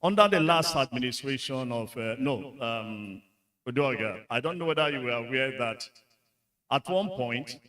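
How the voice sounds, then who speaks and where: A man's voice: mid-range voice, fairly bright tone, far from the mic. A man with a Nigerian English accent giving a frank, conversational conference speech to senior civil servants, with frequent fillers. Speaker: speaker at a civil service retreat. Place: conference hall.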